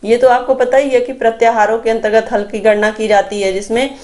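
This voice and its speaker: A woman's voice: on the high side, flat delivery, fairly quick, darkish tone. A young adult woman teaching an exam-prep grammar lesson, explaining step by step and pointing the listener to examples on slides. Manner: explanatory, addresses viewers as friends, points at slides.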